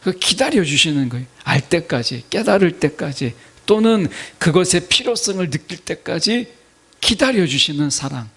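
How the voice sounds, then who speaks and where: A man's voice: a little high, animated, normal speed, a bit bright, husky. A man in his fifties preaching a sermon to a congregation. He keeps putting rhetorical questions to his listeners. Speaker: pastor. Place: church sanctuary.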